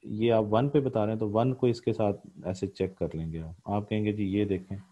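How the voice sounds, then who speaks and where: A man's voice: lowish voice, normal speed, mellow, muffled recording. A man giving a recorded economics lecture, explaining a graph step by step with frequent "uh" fillers and repeated pointing words.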